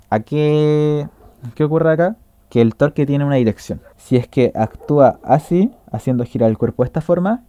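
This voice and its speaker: A man's voice: medium pitch, mellow. A man explaining a tutorial in a casual way, walking through a drawing step by step and correcting himself as he goes.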